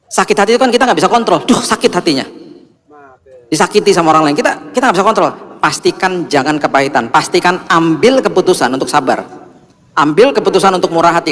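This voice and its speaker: A male pastor preaching a sermon, telling stories and acting out the dialogue with lively energy. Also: a little high. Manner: animated storyteller, acts out dialogue. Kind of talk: sermon with storytelling. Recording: long hall reverb, faint music.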